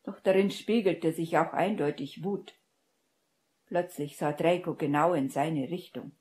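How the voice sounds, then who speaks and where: A woman reading a fan-fiction audiobook aloud as narrator, in a steady, measured way. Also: sits low. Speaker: audiobook reader.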